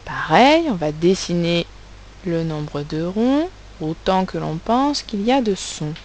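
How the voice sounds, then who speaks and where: A woman teacher giving a recorded phonics lesson to children, articulating sounds and syllables slowly and with care. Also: fairly low pitch, big pitch swings, darkish tone, slight background noise, low-quality recording. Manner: slow, carefully articulated, stressing sounds and syllables. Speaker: primary school teacher.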